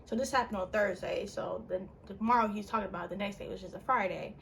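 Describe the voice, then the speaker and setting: A young woman recounts a personal ordeal in a casual, chatty way. Her voice sits at an ordinary middle pitch but keeps leaping sharply higher when she gets worked up. A faint hum of room noise sits under her talk. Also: quick pace, gravelly. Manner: animated, with big pitch jumps and frequent "like" fillers. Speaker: vlogger. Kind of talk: casual storytime.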